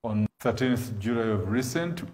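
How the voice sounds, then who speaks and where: A man making a church announcement in short, measured phrases, pausing for an interpreter. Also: medium pitch, animated, a little mellow.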